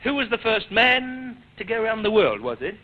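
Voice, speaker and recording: In a noisy, muffled old radio broadcast with a live audience and heavy background noise, an Australian man hosts a riddle quiz for children. He speaks at a moderate pace, his high voice swinging widely in pitch.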